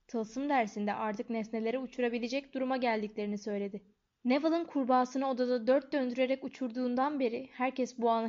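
Woman narrator, storybook reading, high voice, calm, muffled lo-fi sound. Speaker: audiobook narrator. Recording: dull lo-fi recording.

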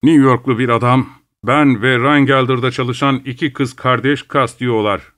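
A man's voice: mid-range voice, fairly even intonation, moderate pace, a bit bright, dry recording, clean studio sound, lightly acted. A man reading aloud and voicing a sick, hard-drinking young man who talks in a boastful drawl. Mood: chatty.

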